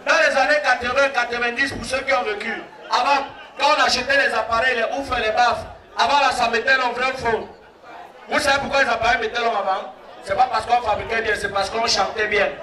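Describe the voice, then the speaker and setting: A man's voice: extremely high pitch, fairly even intonation, brisk, sharp tone. A man from Cameroon with a Cameroonian French accent, working as a wedding MC and joking with the crowd and calling for applause. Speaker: wedding MC and comedian. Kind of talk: stand-up comedy at a wedding. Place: wedding reception hall. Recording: roomy hall from far off, noisy crowd.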